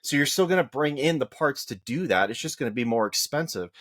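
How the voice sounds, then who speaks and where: Talking a little fast, a male podcast co-host argues about politics in a casual, animated way, his slightly whiny voice pitching up into rhetorical questions. The studio sound is clean, with no room sound.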